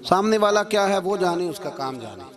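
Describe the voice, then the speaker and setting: A male preacher giving an animated sermon, acting out the voices in his stories. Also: high-pitched. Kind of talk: sermon storytelling. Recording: live sermon with audible crowd.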